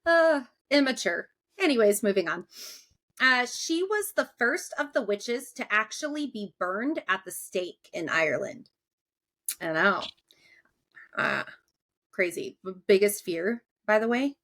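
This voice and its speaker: A woman's voice: medium pitch, animated, unhurried, a bit bright. A young woman hosting a podcast in casual, chatty talk, laughing often. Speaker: podcast host.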